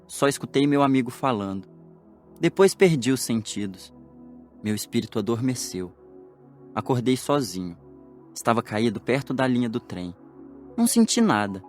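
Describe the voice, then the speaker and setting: Give me a man voicing a good-humored dead man recounting his passing, with soft music behind. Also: mid-range voice, lightly acted. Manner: lively storytelling with jokey asides. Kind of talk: audiobook drama acting.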